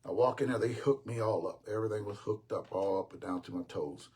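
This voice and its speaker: A man's voice: fairly low pitch, fairly quick, warm tone, slight background noise. An older man hosting a casual live stream, telling a long rambling story with restarts and talking to his viewers as guys. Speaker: host.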